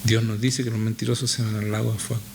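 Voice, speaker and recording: A man's voice: fairly low pitch, flat delivery, quick pace, gravelly, noisy background. A man with a Chilean accent preaching a sermon to a congregation in church, reading scripture aloud and pressing his listeners with rhetorical questions. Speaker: pastor.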